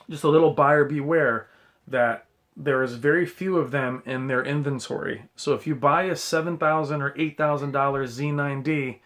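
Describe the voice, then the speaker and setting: A man's voice: medium pitch, fairly bright tone. A man giving a casual, rambling opinion monologue as a YouTube tech reviewer, addressing viewers directly with blunt, earnest cautionary advice and some mild swearing, over a faint recording hiss.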